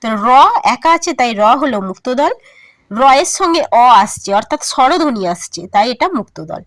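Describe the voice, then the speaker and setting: A woman teacher with a Bengali accent walks students through a grammar point, sounding words out syllable by syllable. Her voice sits high and swings widely in pitch. The recording is dry and close, with no room sound. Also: lively intonation, no echo. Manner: slow, emphatic, syllable-by-syllable teaching. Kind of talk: explaining a grammar lesson to students.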